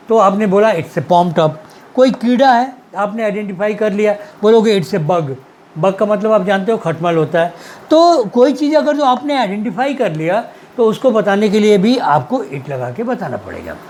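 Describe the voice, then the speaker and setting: A man teaching English grammar in Hindi, patiently repeating example sentences slowly and clearly. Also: sits high, darkish tone. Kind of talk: grammar lesson explained in Hindi.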